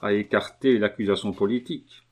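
A man doing an anxious, hushed old general. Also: lowish voice, fairly even intonation, fairly quick, husky. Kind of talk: audiobook reading.

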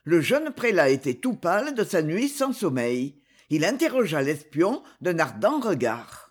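A man's voice: fairly high pitch, very animated, unhurried, slightly rough. A man narrating a historical adventure novel in a dramatic, theatrical way.

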